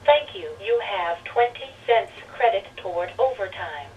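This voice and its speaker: A woman's voice: medium pitch, animated, measured pace. Woman's recorded payphone announcement over the line. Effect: recorded payphone announcement heard over the phone line. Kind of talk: prompting for coin deposits. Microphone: heard through a payphone handset. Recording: muffled phone line, distant, noisy.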